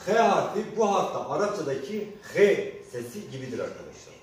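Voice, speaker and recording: A man giving a language lesson, slowly spelling out letters and repeating example words for his listeners. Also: on the high side, very animated. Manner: slow, deliberate, repeats example words and addresses listeners often. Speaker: Kurdish language teacher. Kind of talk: alphabet lesson for Turkish speakers. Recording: very echoey, distant mic, faint noise.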